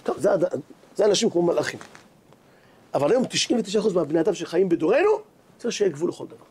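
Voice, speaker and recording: A man's voice: high-pitched, slightly rough. A man, a rabbi, giving a sermon and telling a story, acting out both sides of a conversation. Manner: animated storyteller acting out dialogue. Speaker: rabbi giving a Torah lesson. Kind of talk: Hebrew sermon with stories.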